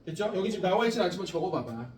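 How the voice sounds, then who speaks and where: Lively high-voiced man teaching class. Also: very fast, roomy sound, distant mic, slight background noise. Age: 40s. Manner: lively, chatty, asks students questions. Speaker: science teacher. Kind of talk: classroom lecture.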